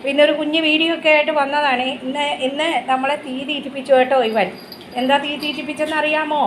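A woman's voice: sits high, flat delivery, fast, a little hiss or hum, rough recording. A woman vlogger chatting casually with viewers, repeating herself and coaxing her dog in baby talk, recorded on a phone outdoors. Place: outdoors at home near a gate.

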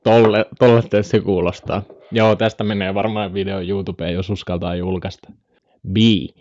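Brief: young Finnish male streamer, low voice, joking and rambling, dull dry lo-fi mic. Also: level tone, a little mellow. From Finland. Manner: joking, rambling, imitates animal sounds. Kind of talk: casual live-stream chat.

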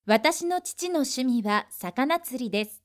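A woman reading translations of lesson sentences in a brisk, neat manner. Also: high voice, expressive. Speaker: translation reader.

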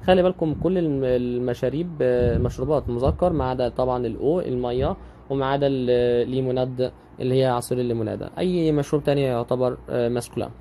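Man, Egyptian accent, language teacher, patient repetition, dark warm tone, light background noise. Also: mid-range voice. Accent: Egyptian Arabic. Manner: patient, repeats each word slowly. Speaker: French teacher. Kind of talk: online grammar lesson.

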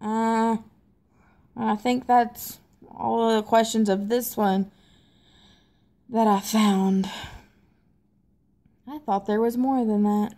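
A young woman from the American South with a Southern accent, chatting casually to camera in a hesitant, low-key way. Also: steady tone, slow, pauses often, mellow. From Tennessee and Mississippi, United States. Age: young adult. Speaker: amateur vlogger. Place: small living room at home, seated in an armchair.

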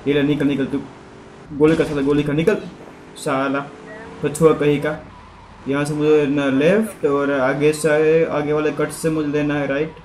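Excitable man narrating his gameplay. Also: on the high side, a little slow. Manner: excitable, chatty, addresses viewers as guys. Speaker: gaming YouTuber. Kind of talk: casual gameplay commentary. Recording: echoey room with faint background noise.

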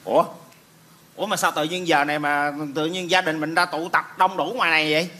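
Một nam diễn viên đóng vai cậu con trai trẻ tò mò, nằng nặc đòi biết chuyện, trong vở hài kịch sân khấu. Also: male voice, a little high, level tone, a little fast, sharp tone. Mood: puzzled. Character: young son, nosy and insistent. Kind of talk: stage comedy skit.

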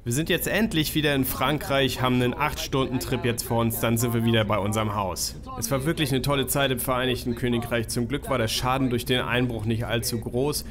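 A man in his thirties narrating a carp fishing travel vlog, speaking with enthusiasm and exclaiming over big fish. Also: mid-range voice. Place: outdoors by a lake.

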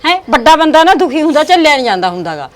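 A woman playing a high-voiced, consoling Punjabi woman. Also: sing-song, rapid-fire. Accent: Indian Punjabi. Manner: consoling, firm. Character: caring woman comforting the old grandmother. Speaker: daughter-in-law in a family drama. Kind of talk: village web drama acting.

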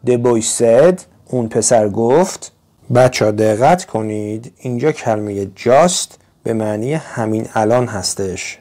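A man teaching English, reading English sentences slowly and then translating them quickly. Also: medium pitch, lively intonation, mellow. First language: Persian. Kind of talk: reading a story aloud and translating it line by line.

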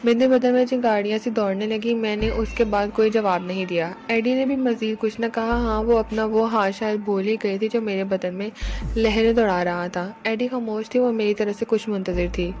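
A woman reading a novel aloud in an even, measured storytelling manner. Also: mid-range voice, highs cut off, soft background music. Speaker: audiobook reader.

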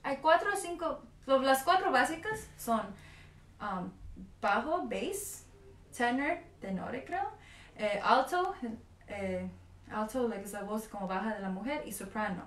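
Slow-talking mezzo woman singing teacher, counts and sings vowel drills, mixes in english words, roomy sound from a distance. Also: fairly high pitch, expressive. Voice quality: mezzo-soprano voice. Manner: counts aloud and demonstrates sung vowel drills; slips English words into her speech. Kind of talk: online singing lesson with vocal exercises. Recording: roomy sound, mic at a distance, loud piano. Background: piano accompaniment.

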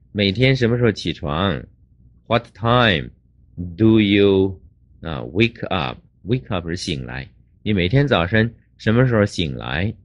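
An older man lecturing as an English teacher, explaining grammar slowly with drawn-out fillers. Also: low voice, no echo.

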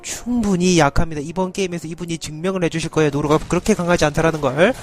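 Rapid-fire and steady in tone, this man's voice sits on the high side as he streams a game. He jokes and teases viewers in playful commentary and panics in fights, yelping "no" again and again, with game music behind him.

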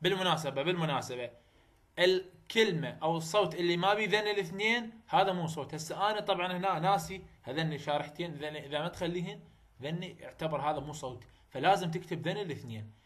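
A man with an Iraqi Arabic accent teaching English vowel sounds, repeating example words slowly and coaching the viewer directly. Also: on the high side, a bit bright. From Iraq. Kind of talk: phonetics lesson.

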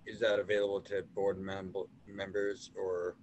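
A young man asks a halting question in a community meeting over a video call from a small room. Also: low voice, monotone, darkish tone, slight background noise, low-quality recording. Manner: hesitant, halting. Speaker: meeting participant. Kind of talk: casual question.

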